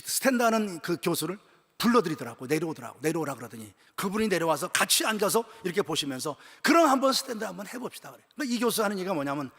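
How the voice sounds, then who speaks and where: An older man, a pastor, preaching a sermon at a church retreat, telling a story and moving between hushed, almost whispered passages and loud, shouted high points. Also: breathy edge. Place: church sanctuary. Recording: long reverb of a large church hall.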